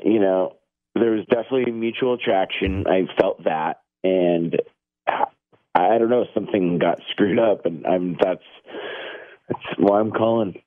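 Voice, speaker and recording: A man calling in to a radio show, chatting casually in a halting, defensive way. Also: low voice, no room sound. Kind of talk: casual conversation on air. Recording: dull band-limited phone line.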